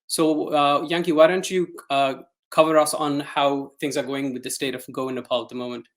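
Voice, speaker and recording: A man presenting a community talk in a friendly, relaxed way. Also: fairly high pitch, a little fast. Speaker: conference speaker.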